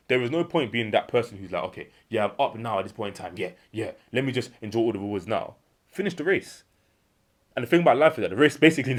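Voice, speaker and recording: A young British man, a self-improvement vlogger, delivers an earnest motivational monologue. He repeats key points for emphasis and acts out little imagined exchanges, dropping to a lower voice for the dialogue.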